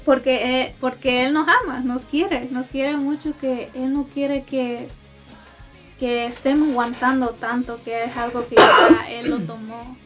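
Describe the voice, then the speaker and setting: A woman with a high voice leads a casual devotional talk. She speaks gently and conversationally, with small laughs. Faint music plays in the background. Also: fairly even intonation, unhurried. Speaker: host of a Bible talk.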